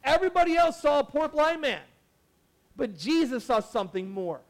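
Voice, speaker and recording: A young man with a distinctly high voice preaches a casual sermon at a moderate pace. As a pastor, he drifts into asides and starts sentences over, animated and friendly as though chatting with the congregation.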